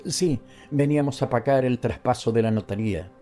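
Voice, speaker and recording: A man's voice: medium pitch, fairly quick, dark tone, faint music behind, close to an everyday voice. A man voicing a distraught young bride who pleads through tears. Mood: tearful. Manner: pleading, tearful.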